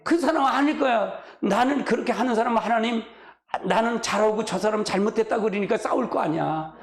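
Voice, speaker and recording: A man's voice: high voice, fairly quick, gravelly. A man preaching a sermon as pastor, talking in a colloquial, emotional way with sighing exclamations, in a church sanctuary. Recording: echoey church hall.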